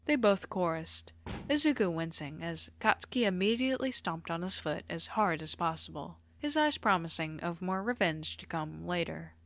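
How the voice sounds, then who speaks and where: Low-voiced woman reading a story. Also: animated, normal speed, a bit bright. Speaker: podfic reader. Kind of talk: storybook narration.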